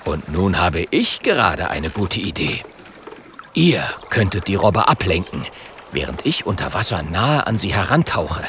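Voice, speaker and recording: A man's voice: sits low, big pitch swings, measured pace, a bit bright, a little hiss or hum, pitched below the performer's own voice, exaggerated voice. A man voicing a boastful, hungry male polar bear who grumbles and whispers slyly about prey. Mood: scheming.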